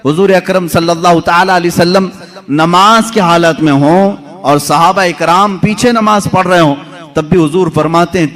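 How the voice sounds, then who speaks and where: A man preaching a sermon, swinging between loud drawn-out recited verses and low, quiet storytelling. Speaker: Islamic preacher.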